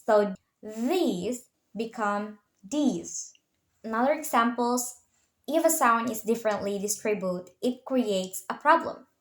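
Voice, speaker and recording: A young woman with an Indonesian accent giving a prepared class presentation as a student and future English teacher. She reads steadily and slows down to sound out example words. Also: a little high, a bit bright. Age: young adult. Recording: roomy echo.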